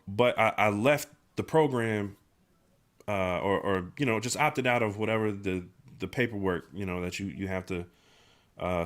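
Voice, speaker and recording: Stuffed up with a sinus infection, this man hosts a live stream at a fairly low pitch, keeping the chat relaxed and full of slang. He often uses fillers and starts his sentences over.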